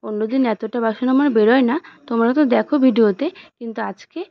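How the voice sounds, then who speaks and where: A woman's voice: on the high side, fast talker, no room sound. A young woman vlogging from her home kitchen, chatting casually to viewers as she narrates her cooking and chores step by step. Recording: dull lo-fi home recording.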